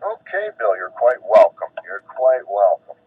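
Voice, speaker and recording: A man in a ham radio net call, working as net control. He calls for check-ins and reads out call signs steadily, with plenty of fillers. His voice is husky and comes through a narrow, tinny radio channel with a dry sound. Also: on the low side, sing-song, no echo. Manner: procedural, unhurried, with many fillers. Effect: heard over a two-way radio transmission.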